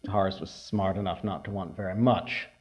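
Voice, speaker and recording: A poet giving a reading, heard through an old archival recording, unhurried and pausing with hesitant asides. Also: male voice, low-pitched, steady tone. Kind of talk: poetry reading with remarks. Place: reading hall with an audience. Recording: dull lo-fi archival tape.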